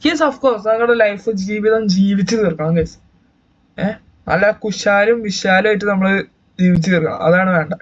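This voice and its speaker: A man's voice: sits high, normal speed, lo-fi sound. A young man and YouTube gamer giving chatty, joking let's-play commentary, talking to his viewers as guys.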